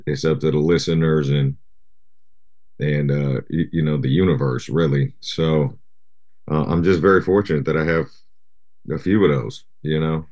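A middle-aged man from Japan, a guest rapper, chatting in an interview in a relaxed, rambling way full of "you know". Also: rumbling low, moderate pace. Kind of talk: casual interview chat.

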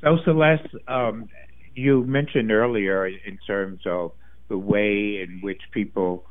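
An American man co-hosting a talk radio show, speaking thoughtfully in a halting, deliberate and measured way. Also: on the low side. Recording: dull, band-limited phone-like sound.

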